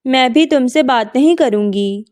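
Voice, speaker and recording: A woman's voice: high voice, a little slow, darkish tone. A woman reading a novel aloud, voicing a hurt young woman who grumbles to herself. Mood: sulky.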